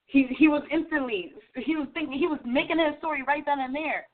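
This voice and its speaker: A woman joining a casual podcast discussion as a guest, speaking forcefully and with indignation. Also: sits high, brisk. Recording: tinny phone-like audio.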